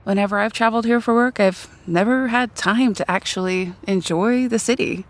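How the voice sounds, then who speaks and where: In a romantic comedy audio drama, an actress plays a playful, teasing young woman who is giggly and excitable in a conversational way. Her pitch is medium, her speed normal, and the acting light, with a light, chatty mood.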